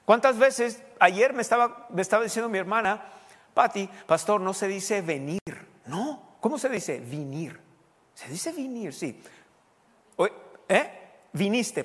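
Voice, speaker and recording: A male pastor delivers a sermon in a high-pitched, animated voice. He swings between loud emphatic points and soft asides, now and then mixing in English words. The sound carries a long reverb, as in a church hall. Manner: code-switches English words into speech.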